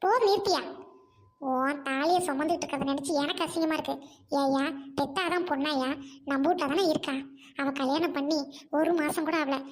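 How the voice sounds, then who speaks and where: Woman as a furious, very high-voiced village wife who hurls accusations at her husband. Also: steady tone, fairly quick, lightly acted. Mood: angry. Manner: scolding, accusing, sharp retorts. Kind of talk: amateur family drama acting.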